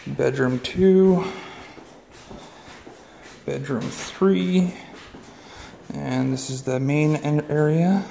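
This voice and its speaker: A gravelly-voiced man with a medium pitch and warm tone narrates a casual walkthrough of a large, empty, unfinished house, recorded on a handheld phone. He matter-of-factly points out each room as he moves, with slight background noise audible.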